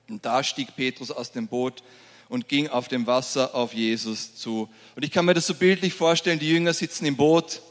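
A man preaching a sermon in a church hall, lively, often laughing and acting out the scenes. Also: fairly high pitch. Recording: reverberant hall.

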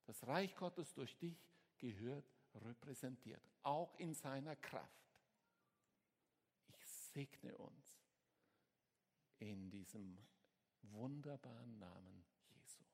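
A man preaching a sermon as a pastor, swinging between hushed words and sudden shouts to his congregation. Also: medium pitch, slow, vocal fry, slightly rough, big-room sound. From Switzerland.

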